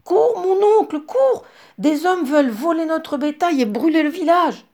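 A woman voicing a brave little village girl who shouts warnings in alarm. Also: sits high, animated, a little slow, creaky, pitched above the performer's own voice, full character voice. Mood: urgent, alarmed.

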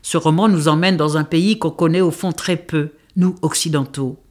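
A woman who reads passages from a novel aloud and then reviews it in a measured voice. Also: deep voice, steady tone, darkish tone. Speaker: book reviewer and reader. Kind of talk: reading a book aloud and reviewing it.

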